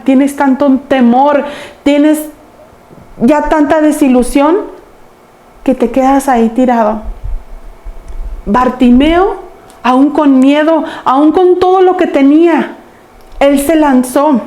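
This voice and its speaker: A woman's voice: high voice, dark tone, roomy sound. A woman preaching a sermon, telling the story earnestly and addressing the congregation. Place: church sanctuary.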